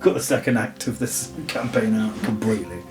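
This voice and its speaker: A man's voice: on the low side, brisk, distant mic, over music. A man narrating a tabletop game as game master, chatty and describing scenes in loose lists.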